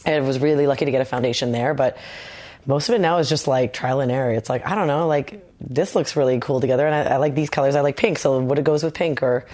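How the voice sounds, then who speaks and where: Low-voiced, fast-talking woman guest. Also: a little mellow. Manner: rambling, upbeat, filler-heavy. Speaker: guest artist. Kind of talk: casual interview chat.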